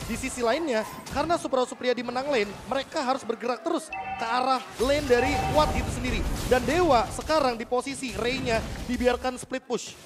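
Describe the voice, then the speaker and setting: A man's voice: extremely high pitch, fairly quick, hardly any pauses. A man with an Indonesian accent giving analytical esports commentary in a conversational, explanatory way. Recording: music behind the voice.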